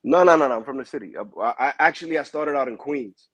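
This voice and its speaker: A man, a boxing manager, talking casually in a relaxed, slangy way. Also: medium pitch, fast, no room sound. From New York. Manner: relaxed, slangy, calls people bro. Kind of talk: casual interview.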